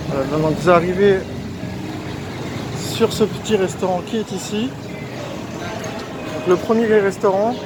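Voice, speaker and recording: A man's voice: sits high, slow, long pauses. A man giving a casual walking tour as a vlogger, his voice slightly muffled through a face mask, outdoors on a busy street. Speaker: vlogger, street food guide. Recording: outdoor street recording with clear traffic noise. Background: urban street noise, vehicles.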